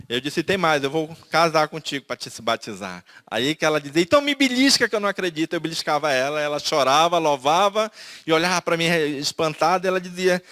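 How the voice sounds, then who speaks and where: A man's voice: sits high, fairly bright tone. A man from Manaus with a Brazilian Portuguese accent, giving an emotional personal testimony and acting out the dialogue as he tells it. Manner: storytelling, acts out quoted dialogue. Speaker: testimony speaker.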